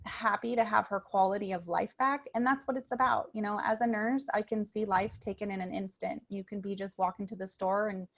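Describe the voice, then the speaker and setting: A woman in her thirties, a registered nurse, telling an earnest, animated personal testimonial on a group call. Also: mid-range voice, fairly quick, gravelly, hardly any pauses, dull audio.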